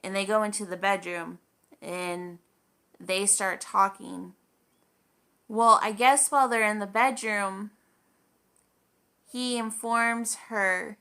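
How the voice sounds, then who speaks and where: Slow, bright-voiced woman telling a story. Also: medium pitch, creaky. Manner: chatty, full of "like", acts out quoted dialogue. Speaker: vlogger. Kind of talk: casual storytime.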